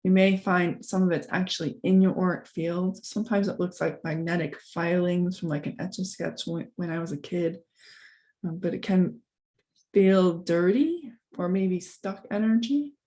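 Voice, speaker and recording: Leading a guided meditation, a woman with a fairly low voice gives quiet, gentle directions at an unhurried pace, letting long silences fall between them.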